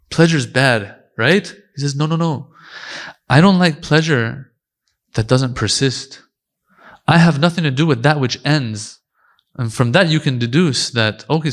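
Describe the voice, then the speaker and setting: A man's voice: medium pitch, fairly bright tone. Casual, joking man giving a lecture. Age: middle-aged. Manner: informal, joking, slangy asides. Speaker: religious lecturer. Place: lecture hall.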